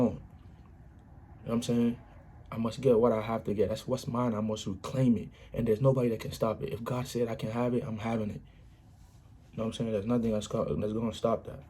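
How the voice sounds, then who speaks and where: A man talks through his personal philosophy in a loose, earnest monologue. He keeps circling back to the same points with informal grammar and restarts. His voice is mellow and dark, and faint ambience sits behind it. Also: mid-range voice, a little hiss or hum. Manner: earnest, repetitive, punctuates with "you know what I'm saying". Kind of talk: casual motivational monologue.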